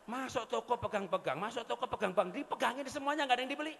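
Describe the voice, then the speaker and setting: Middle-aged male seminar speaker, animated storyteller, reverberant hall. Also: extremely high pitch, rapid-fire, vocal fry, a little hiss or hum. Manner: animated storytelling, acting out quotes. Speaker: parenting speaker. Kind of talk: motivational seminar talk. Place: large event hall.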